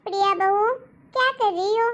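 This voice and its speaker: A woman voicing a gentle, patient mother who softly coaxes her family in a cartoon story. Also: very high voice, moderate pace. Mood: coaxing. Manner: soft, coaxing, patient. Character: gentle pleading middle-aged Indian mother. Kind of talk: cartoon voice acting.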